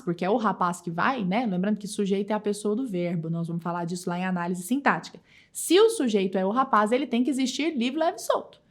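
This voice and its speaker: A woman teaching a recorded grammar lesson, speaking straight to the viewer with lively emphasis and slowing down to stress her examples. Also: fairly high pitch. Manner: reads quoted examples slowly with drawn-out emphasis.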